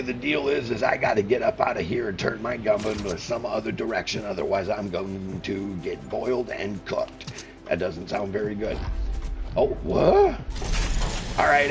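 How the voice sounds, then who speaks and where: Gravelly, chatty middle-aged gaming streamer man. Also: lowish voice. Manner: rambling and repetitive, folksy, effusively friendly. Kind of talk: casual live gameplay commentary.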